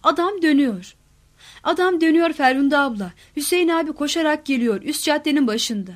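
A woman doing a shrill excited teenage boy. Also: fast. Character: excitable adolescent neighbor boy shouting news.

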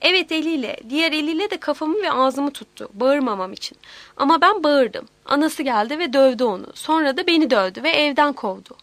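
A woman's voice: sits high, animated, fairly quick, fairly bright tone, dry recording. A woman voicing a frightened young girl who pleads and insists on her story. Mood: insistent explaining.

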